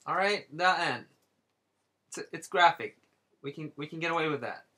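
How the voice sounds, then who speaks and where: A man in his late twenties, an artist and channel host, chats casually while drawing, joking, rambling and teasing his viewers. His voice is fairly high, bright and forceful, at a normal speed.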